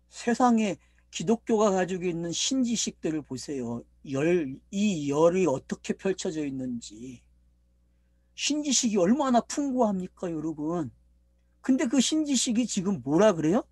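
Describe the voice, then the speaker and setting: A man's voice: big pitch swings, measured pace, slightly rough, no room sound, clean studio sound. A middle-aged man, a pastor, preaching a sermon and often asking the congregation questions. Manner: preaching, asking the congregation questions, with big swings in pitch and loudness.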